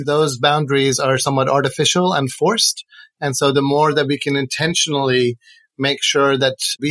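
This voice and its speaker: A man in his forties from Iran, a podcast guest and educator, answering in an earnest, measured way and linking his thoughts with "and so". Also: medium pitch, fairly bright tone, no room sound. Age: 40s. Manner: earnest, measured, links ideas with "and so". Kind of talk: reflective interview answers.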